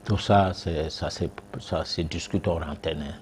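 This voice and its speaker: A man's voice: low voice, steady tone, moderate pace, darkish tone, slight background noise. A man, a guest expert on a TV talk show answering viewers' questions, hesitant with many fillers and restarts.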